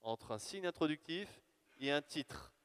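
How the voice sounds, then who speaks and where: A man giving a live lecture on his research, talking in a lively, conversational way with fillers and asides to the audience. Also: fairly high pitch, measured pace, smooth. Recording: long hall reverb.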